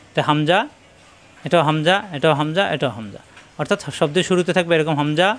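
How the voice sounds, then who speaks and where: A man teaching Quran reading, who spells out letters and their sounds one by one and repeats each drill patiently. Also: fairly high pitch. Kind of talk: spelling-out recitation lesson.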